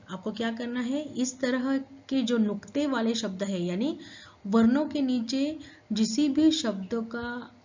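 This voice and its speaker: A woman teacher explaining a grammar lesson to schoolchildren, slow and patient. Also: on the high side, a little mellow, lo-fi sound.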